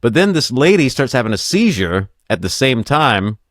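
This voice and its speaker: A man's voice: mid-range voice, sing-song, normal speed, no room sound, studio quality. A middle-aged man hosting a podcast, telling rambling stories in casual chat and laughing often. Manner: storytelling, laughs often, stumbles and restarts. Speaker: podcast host.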